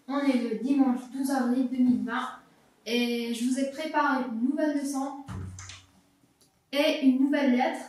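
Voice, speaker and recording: A woman's voice: high voice, darkish tone, recorded from a distance. A woman teaching a phonics lesson to young children, patiently spelling out letters and repeating words. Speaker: primary school teacher. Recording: echoey room, voice set back from the mic.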